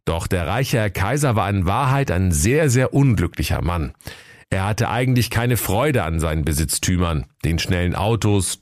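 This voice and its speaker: A man's voice: low-pitched, darkish tone, no echo, studio quality. A man narrating a comedic, parodied fairy tale in a playful storytelling manner.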